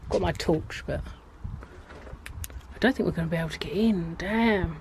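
A woman's voice: fairly low pitch, moderate pace. Young woman, casual explorer vlog, outdoors, phone at arm's length, noisy background. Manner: chatty, addresses viewers as guys, hushed spirit calls. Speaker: paranormal explorer vlogger. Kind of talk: casual vlog narration to camera. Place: outdoors at a ruined overgrown gatehouse. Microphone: phone held at arm's length. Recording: outdoor phone audio, noticeable background noise.

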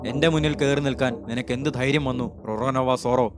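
A man's voice: medium pitch, fairly even intonation, fast, close to an everyday voice. A man reading as an arrogant fish-man pirate boss. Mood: scornful. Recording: voice-over with clear music behind.

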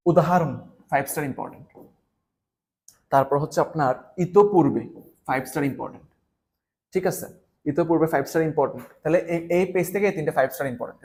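A man's voice: on the high side, darkish tone. A man from Bangladesh giving an exam-prep lesson, talking straight to students and repeating key points with emphasis. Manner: repetitive, emphatic, addresses students directly. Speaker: exam tutor.

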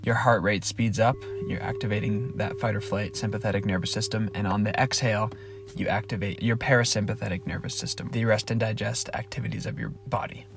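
A man's voice: lowish voice, fairly even intonation, a little fast, creaky. Man guiding breathing, music behind. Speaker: breathing exercise instructor. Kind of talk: guided breathing instruction. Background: music with singing bowls.

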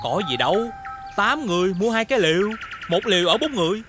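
A man's voice: sits high, sing-song, fast, pushed and bright, heavily acted. A young man with a Southern Vietnamese accent, acting a breezy, self-assured penny-pincher in a TV comedy series. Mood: smug. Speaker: stingy younger brother Long. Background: music.

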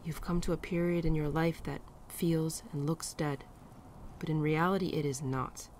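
Here the woman portraying the gentle winter spirit, an affectionate old friend with a low voice, sounds more natural, keeping a steady tone and moderate pace. The softly acted girlfriend ASMR monologue feels gentle and reflective, tender and playful, often near a whisper, with birdsong, light outdoor ambience and slight background noise.

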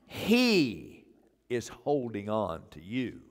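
Slow-preaching older pastor in a reverberant church. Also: male voice, on the low side, huge pitch swings. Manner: emphatic preaching, repeats key phrases. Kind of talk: sermon. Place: church sanctuary stage, indoors. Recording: long reverb of a church hall.

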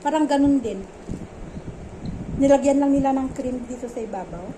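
A woman's voice: high voice, moderate pace. A young Filipino mother chatting casually to her viewers in a home vlog, talking about her baby and snacks. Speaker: vlogger and mother. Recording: noisy home phone recording.

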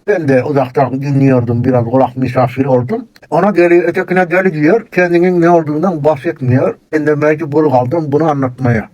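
A man's voice: on the high side, a little mellow, lightly acted. Man doing a grumbling old neighbor. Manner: reproachful, rambling.

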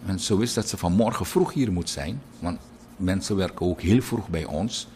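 Presenter, male, middle-aged, very deep voice, chatty anecdotal delivery. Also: moderate pace, slight background noise. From Suriname. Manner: chatty, lively, digresses into anecdotes. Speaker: radio and TV presenter. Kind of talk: birthday announcements on broadcast.

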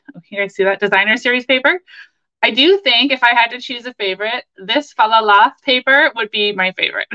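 A woman's voice: fairly high pitch, sharp tone, dull audio. A woman in her forties with a Canadian accent, chatting enthusiastically as she hosts a casual craft tutorial livestream from a home office. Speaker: craft demonstrator and livestream host. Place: small home office, indoors.

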